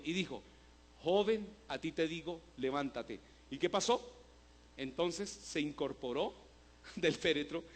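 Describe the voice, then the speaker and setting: A man preaching a sermon as pastor, emphatic, often asking "¿cierto?" and bursting into loud shouts of praise. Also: fairly high pitch.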